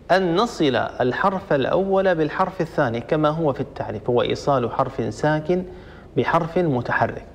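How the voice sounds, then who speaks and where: A man teaching Quran recitation rules, slowly repeating examples and restarting often. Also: a little high, creaky, slight background noise. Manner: slow repetition of examples, many restarts. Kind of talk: explaining tajweed rules. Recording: dull lo-fi recording.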